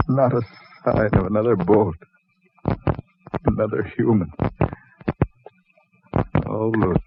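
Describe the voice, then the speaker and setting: A man's voice: lowish voice, gravelly, exaggerated voice. A man playing an intense, anxious, insistent reporter at sea in an old-time radio drama, with a thin AM radio sound. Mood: weary, haunted. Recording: tinny, noisy old AM radio recording.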